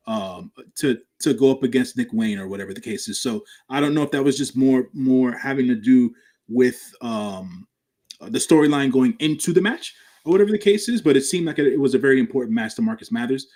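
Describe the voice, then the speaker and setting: A man co-hosting a podcast, giving measured, hedging commentary in casual chat. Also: mid-range voice, darkish tone. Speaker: podcast co-host.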